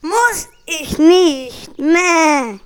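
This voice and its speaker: A woman's voice: high-pitched, steady tone, unhurried, bright, forceful tone, pitched above the performer's own voice. A woman voicing Arnold, a boastful young male sheep, in a storybook reading. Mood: cocky.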